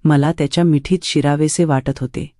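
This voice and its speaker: A woman telling a romantic story in the first person, with a steady, even storytelling delivery. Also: deep voice, brisk, no echo, studio quality.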